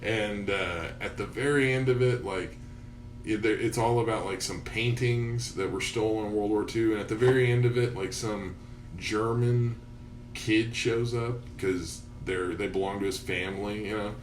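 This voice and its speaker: A man's voice: lowish voice, fairly even intonation, normal speed, recorded from a distance. A young man co-hosting a podcast, rambling casually and swearing a lot. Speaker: podcast co-host. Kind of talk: casual stoner chat. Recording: roomy echo, noisy, off-mic.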